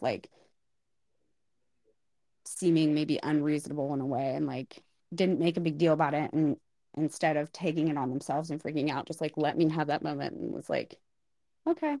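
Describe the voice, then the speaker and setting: A chatty woman with a low, gravelly voice talks through a casual podcast conversation about hair clients. Her speech is animated and full of "like" fillers. The sound is close and dry. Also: no echo. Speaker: podcast co-host, hair stylist. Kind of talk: casual chat.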